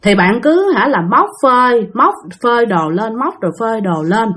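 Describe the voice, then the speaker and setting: Southern Vietnamese woman, high and lively, chatty story narrator. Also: moderate pace. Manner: chatty, addresses listeners directly. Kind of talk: spooky-story narration to listeners.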